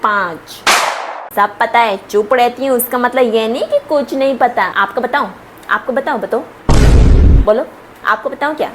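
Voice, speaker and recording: A young woman performing a comedy sketch, sassy and animated, scolding in a noisy home recording. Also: a little high, normal speed, long pauses. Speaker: comedy creator.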